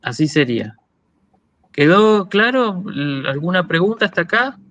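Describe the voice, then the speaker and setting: A man's voice: high-pitched, sing-song, a little slow, a bit bright, no room sound. A man with an Argentine Spanish accent gives a university lecture over a video call, explaining patiently and often checking that students follow. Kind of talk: online lecture.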